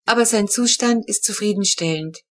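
A woman voicing a calm, caring mother in a storybook reading, speaking evenly and matter-of-factly. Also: mid-range voice, normal speed, close to an everyday voice.

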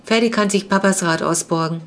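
A woman's voice: fairly low pitch, a little fast, close to an everyday voice. A woman voicing an eager young boy who blurts things out. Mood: practical.

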